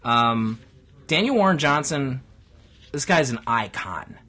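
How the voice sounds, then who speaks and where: Husky-voiced man gushing about comics. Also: medium pitch, expressive, sharp tone. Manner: enthusiastic, jokey, drawn-out emphasis. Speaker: co-host of comic book show. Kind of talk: casual chat reviewing comics.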